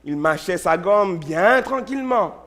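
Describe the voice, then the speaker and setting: Unhurried and expressive, this male pastor's high voice carries a sermon in church. He weaves in stories, repeats words, and swings from loud to hushed.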